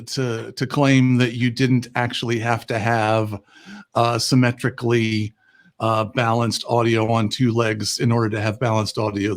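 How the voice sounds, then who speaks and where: A man with a middle-pitched voice chats as a guest on a relaxed live podcast. He has a wry, self-deprecating way of talking and jokes at his own expense. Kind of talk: casual live podcast chat.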